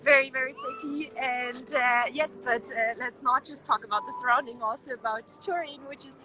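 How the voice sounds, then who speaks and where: High-voiced young woman, street noise. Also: steady tone, moderate pace. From Germany. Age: young adult. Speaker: vlog co-host and student. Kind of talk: casual city tour vlog. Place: outdoors in a city square. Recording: clear street noise behind.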